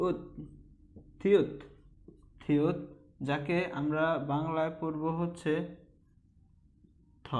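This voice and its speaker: Slow, repetitive male language teacher. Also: sits high, a bit bright. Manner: drills each letter sound over and over, checks in with "okay?". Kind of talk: slow, repetitive Korean alphabet lesson.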